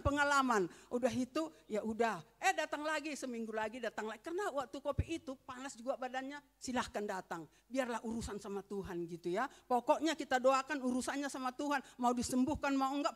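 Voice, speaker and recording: Middle-aged lady telling her church testimony, higher voice, plays out every back-and-forth of the conversation. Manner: storytelling, acts out both sides of remembered dialogue; addresses listeners as brothers and sisters. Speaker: church member giving testimony. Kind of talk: spoken testimony in a church service.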